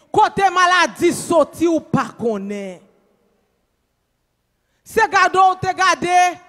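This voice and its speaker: A middle-aged Haitian woman preaching a sermon in a church, shouting with emphasis into a handheld mic. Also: very high-pitched. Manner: emphatic, shouting, switches between Creole and English. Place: church stage, indoors. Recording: long reverb in church hall.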